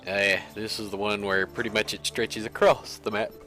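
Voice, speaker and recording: A man's voice: fairly low pitch, little pitch movement, moderate pace, sharp tone, soft background music. A man giving rambling, self-mocking, casual commentary while he plays a video game. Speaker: let's play gamer.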